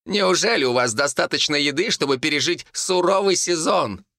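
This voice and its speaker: A high, shrill villain monk, as a male reader puts him on, spitting threats of fire and flaying. His voice leaps wildly up and down and he turns sickly sweet when he bargains. The audiobook reading sounds close and dry. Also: expressive, normal speed, vocal fry, pushed and bright, dry recording, full character voice. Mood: ranting. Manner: shrieking, menacing, then sugary.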